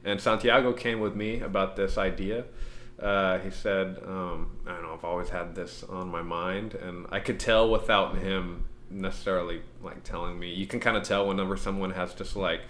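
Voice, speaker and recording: A young man from Houston co-hosting a casual podcast, relaxed and rambling, often laughing. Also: sits low, moderate pace, slight background noise. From Houston, Texas. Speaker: podcast co-host. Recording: echoey room.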